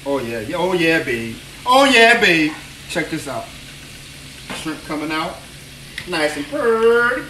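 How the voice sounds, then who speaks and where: A New Orleans chef with a voice on the high side and a sharp tone speaks slowly, with long pauses and big pitch swings, while chatting exuberantly and repeating phrases on a live cooking stream from his home kitchen. A phone camera moved around the kitchen captures him from a distance in an echoey room, amid noisy frying and sizzling food.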